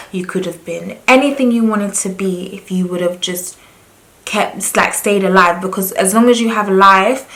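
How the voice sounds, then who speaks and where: A woman's voice: mid-range voice, fairly bright tone, rough recording. A young woman talking candidly and earnestly to camera in a personal confessional vlog. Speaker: vlogger.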